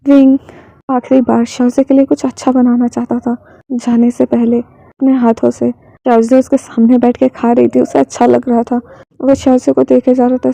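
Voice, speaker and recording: High, gravelly woman storyteller. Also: dark tone, dry recording. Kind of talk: reading a fan fiction story aloud.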